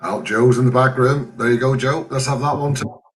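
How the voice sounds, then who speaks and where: A man's voice: mid-range voice, fairly even intonation, a little fast. A man hosting a casual live interview in an effusive, encouraging way. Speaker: host.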